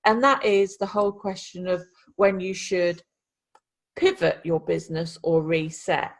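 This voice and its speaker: Woman co-host, husky and low-pitched, rambling casual chat. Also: steady tone, unhurried. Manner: rambling, restarts often. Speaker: podcast co-host, copywriter.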